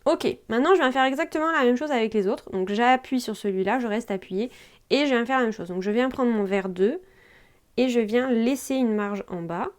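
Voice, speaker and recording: A young woman with a fairly high, brisk voice hosts a screen-recorded drawing tutorial. She talks to the viewer in a chatty, informal manner and checks in often as she works.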